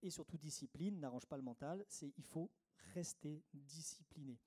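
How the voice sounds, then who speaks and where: A man's voice: a little high, normal speed, dark tone, breathy edge. A middle-aged man giving a workshop talk on meditation to a live audience, didactic, repeating his key phrases with frequent fillers.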